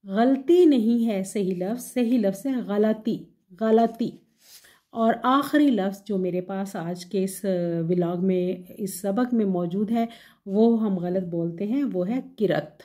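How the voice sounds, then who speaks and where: A woman's voice: medium pitch, dark tone. A woman giving a pronunciation lesson, setting each mispronounced word beside its correct form and then explaining what it means. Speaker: language teacher.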